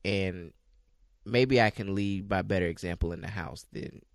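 A man with a fairly low voice co-hosts a casual podcast. He sounds relaxed, as if lying in bed, and the recording is close and dry. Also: moderate pace, vocal fry, dry recording. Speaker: podcast co-host.

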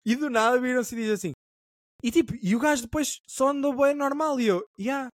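A young Portuguese man co-hosting a relaxed podcast, spinning lively, slangy anecdotes with casual swearing. His voice sits high and the words tumble out fast. The sound is dry and close. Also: dry recording. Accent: European Portuguese. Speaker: podcast co-host.

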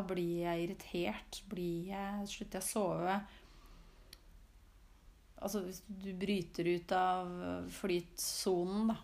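A woman's voice: fairly low pitch, darkish tone. A woman host talking casually to her listeners, reflective and often searching for words with fillers and restarts. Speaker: host speaking about sensitivity. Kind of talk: casual spoken talk to listeners.

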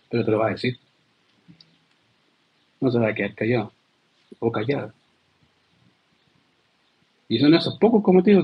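A man's voice: mid-range voice, breathy edge, muffled recording. A man with a Chilean accent, a pastor giving a sermon in an earnest way, often calling his listeners "dear". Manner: earnest, addresses listeners as "querido".

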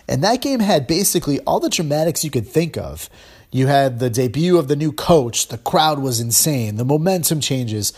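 A man in his thirties hosting a casual sports podcast, talking fast and loose with sarcastic jabs and sudden jumps in pitch for emphasis. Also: darkish tone. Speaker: podcast host.

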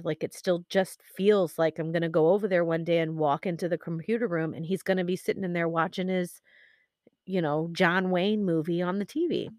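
A woman hosts her podcast in a personal monologue, grieving and candid. She speaks low, halting often with pauses and fillers. The sound is close and dry, with no room around her. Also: no room sound. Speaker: podcast host.

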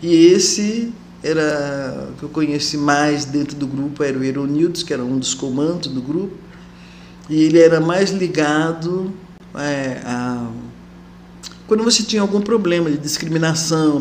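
A woman's voice: low-pitched, darkish tone. Woman, activist interviewee, casual storytelling, acts out quoted voices, echoey room, faint background hiss.

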